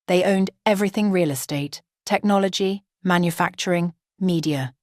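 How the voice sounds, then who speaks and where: A woman narrating a first-person story in a steady, dramatic way. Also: on the low side, normal speed, dry recording, studio quality.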